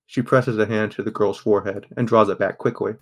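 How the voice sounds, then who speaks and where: A young man plays a guarded, sardonic teenage narrator in a bleak audio drama, speaking briskly. The voice is low and very steady, with subdued first-person storytelling, and the mood is somber.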